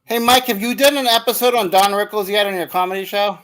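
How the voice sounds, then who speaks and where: Fast-talking blunt male podcaster. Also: sits high, fairly bright tone. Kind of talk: casual comedy podcast banter.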